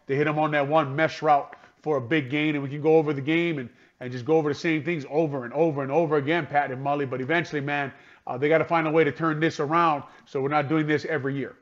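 A man's voice: on the high side, fairly even intonation, fast, dull audio. A man giving postgame radio analysis, sounding frustrated, repeating himself and restarting sentences as he talks. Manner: frustrated, repetitive, restarts often.

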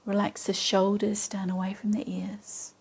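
A woman guides a yoga nidra meditation in a soft, breathy, partly whispery mid-range voice. Her slow, soothing instructions come in a calm, measured way with long pauses.

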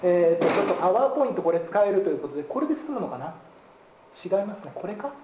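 A fairly high-pitched man preaches a sermon from a church pulpit. He keeps filling pauses with a long "ee" and drops in gentle humor. The live stream carries the roomy echo of the sanctuary, with faint hiss underneath. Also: big pitch swings. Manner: fills pauses with drawn-out "ee", jokes lightly. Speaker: guest pastor.

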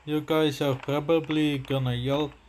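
A man's voice: fairly high pitch, level tone, a little slow, a little mellow, slight background noise. A young man giving goofy let's-play commentary, joking about himself in the third person. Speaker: gameplay commentator.

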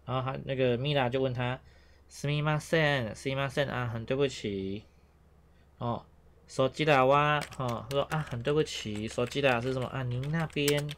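Male Japanese teacher, mid-pitched, patient and repetitive, faint noise and keyboard clicks behind. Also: fairly quick. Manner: patient, repetitive explaining with frequent "oh" fillers. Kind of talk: online language lesson.

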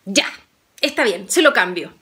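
A woman's voice: mid-range voice, animated, moderate pace, bright, forceful tone. A woman doing a sly, coaxing traveling trader. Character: sly traveling man, smooth trader of dogs.

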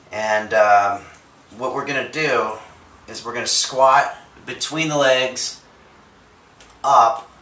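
A young man with a mid-range voice hosts a home workout parody, explaining each exercise in earnest deadpan, trailing off and restarting mid-sentence. He's in a small bedroom, recorded by a camera mic across the room, so the sound is echoey and a bit distant.

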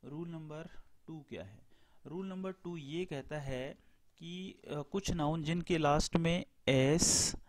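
A man's voice: on the high side, slow, background noise. A man teaching a grammar lesson in a patient explanatory style, spelling words letter by letter and asking and answering his own questions.

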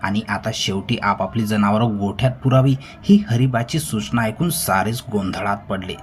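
A man reading a story aloud in a measured, grave narrating manner. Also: on the low side, slight background noise.

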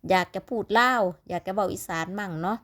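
A woman's voice: mid-range voice, fast, a bit bright. A woman with an Isan accent from northeastern Thailand, chatting casually and ramblingly to her viewers as she tips lottery numbers, sounding sleepy. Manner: chatty, rambling, calls viewers "little siblings".

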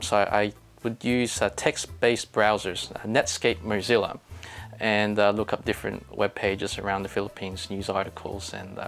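A man's voice: on the low side, vocal fry, fairly bright tone. A man, talking earnestly in a documentary interview as a radio station's chairperson, with frequent ums and uhs, on a lapel mic. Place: radio station music library.

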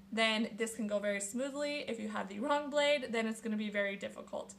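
Chatting away in a small home workshop, a young woman shows her tools as she runs a casual woodworking tutorial. She speaks on the high side with a fairly bright tone. The close camera on the bench also catches a little hiss or hum.

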